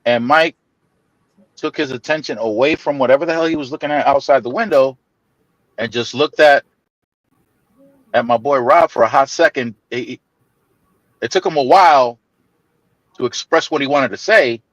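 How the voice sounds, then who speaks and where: A man tells a long family story in casual chat, laughing often, stammering over restarts and jumping into high voices to mimic people. He speaks at a moderate pace with frequent pauses, and the recording has no room sound and cut-off highs.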